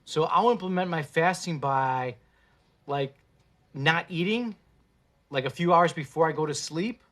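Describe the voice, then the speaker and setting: A man hosting a casual livestream, talking in a profane, slangy and animated way into a phone. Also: on the high side, a little slow. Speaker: livestream host.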